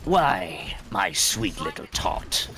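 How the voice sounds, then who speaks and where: A man's voice: sits low, very animated, slow pace, full character voice. A man voicing a grumpy, scheming old furry creature who hates holidays, in a sly theatrical storybook manner. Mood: falsely sweet.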